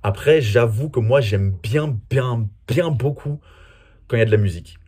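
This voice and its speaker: A man's voice: mid-range voice, normal speed, over music. A man from France answering viewer questions in a casual, chatty and self-mocking way. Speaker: comedy video creator. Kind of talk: casual Q&A vlog.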